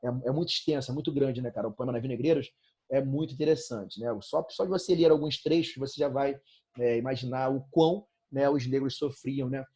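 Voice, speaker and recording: A man's voice: medium pitch, brisk, dark tone, slightly rough. A Brazilian man teaching an online class from a bedroom at home, talking casually and checking in with "né?" and "tranquilo?". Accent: Brazilian Portuguese. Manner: casual, fillers like "né, cara?" and "tranquilo?".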